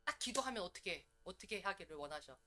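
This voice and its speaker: A woman evangelist preaching in a church, in a lively, conversational way. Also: on the low side, fast talker. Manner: lively, conversational preaching, often acting out prayers. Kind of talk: sermon. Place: church sanctuary.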